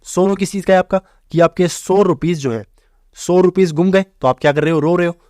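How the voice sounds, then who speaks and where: A man teaches English vocabulary for exams in fast classroom Hindi sprinkled with English words, sharing memory tricks and quizzing the viewer. He keeps checking in with "theek hai bhai." His voice is high-pitched and a little mellow, on a dry, studio-quality recording.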